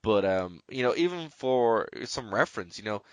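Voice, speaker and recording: A man's voice: on the low side, lively intonation, normal speed, smooth, dry recording. An Irish man hosting a podcast, chatting casually and rambling with lots of "you know". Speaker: podcast host.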